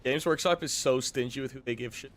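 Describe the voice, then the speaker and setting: A man's voice: mid-range voice, fairly quick. A man streaming a video game with casual, joking, sweary chat. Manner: profane, joking.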